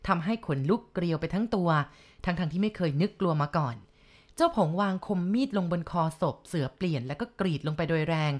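Low-voiced woman reading a horror novel. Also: lively intonation, brisk, darkish tone. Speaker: storyteller.

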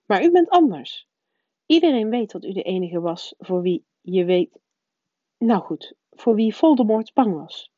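A woman reading aloud voices a stern older female professor who talks in a high, urgent, faltering way. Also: animated, unhurried, mellow, no room sound. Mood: urgent, flattering. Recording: dull, dry lo-fi recording.

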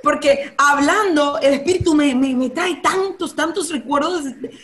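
Fervent high-voiced woman preaching. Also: measured pace, fairly bright tone. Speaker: guest speaker.

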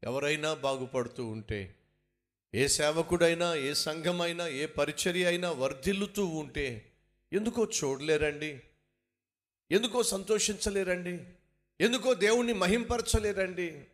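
A man's voice: fairly high pitch, measured pace. A man preaching a sermon, firing rhetorical questions and acting out the words of biblical figures. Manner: animated, rhetorical questions, acts out biblical speakers. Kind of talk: Telugu sermon.

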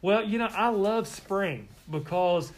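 A man chats as a guest in an interview. His voice sits a little higher than average and his delivery is conversational. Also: slow. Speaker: podcast guest.

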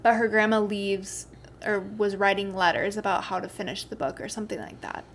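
A woman's voice: medium pitch, fairly even intonation, brisk, a little hiss or hum. A woman co-hosting a podcast, chatting casually about books with lots of fillers. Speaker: podcast co-host.

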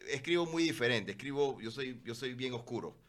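Guy in an interview, bright voice, keeps restarting and going "no?". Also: mid-range voice, expressive, a little fast. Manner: rambling, many restarts and tag questions. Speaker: filmmaker being interviewed. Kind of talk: casual interview talk.

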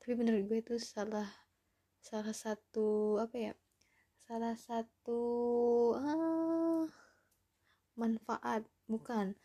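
Casting: female podcaster, twenties, warm dark tone, soft-edged delivery, loose and self-deprecating solo chat. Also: on the high side, steady tone, slow pace, long pauses. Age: 20s. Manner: rambling, self-deprecating, often chuckling to herself. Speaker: podcast host.

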